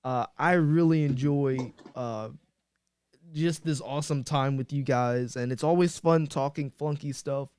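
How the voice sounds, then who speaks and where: A man's voice: medium pitch, measured pace, a little mellow, clean tone, dry recording. A man hosting a casual sports podcast, talking loosely with friends and rambling through his sign-off with plenty of ums and uhs. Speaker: podcast host.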